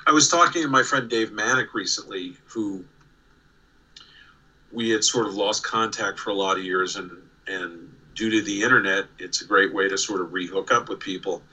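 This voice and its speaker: This interview guest, a man in his sixties from New York with a slight accent, swaps casual stories on a remote video call, frequently starting over and repeating himself. He speaks at a moderate pace in a lowish, pushed, bright voice, and the audio quality is poor.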